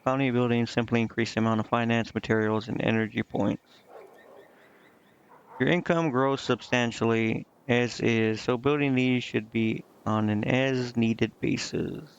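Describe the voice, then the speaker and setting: A man with a creaky but clean mid-range voice keeps a steady tone at normal speed as he streams. Reading aloud and frequently muttering to himself, he gives casual game commentary over game music, captured in muffled lo-fi audio.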